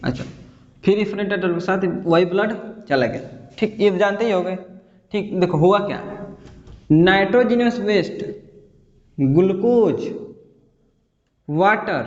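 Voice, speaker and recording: High-voiced male teacher in a roomy hall. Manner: repeats questions and checks understanding often. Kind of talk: explaining a school science lesson. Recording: dull roomy audio with reverb.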